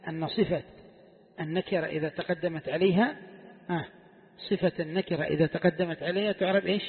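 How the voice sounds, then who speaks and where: A man's voice: on the high side, steady tone, quick pace, breathy edge. A man teaching a class as a sheikh, asking his students questions and repeating key phrases. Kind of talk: classical text lesson. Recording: echoey hall, tinny phone-like sound.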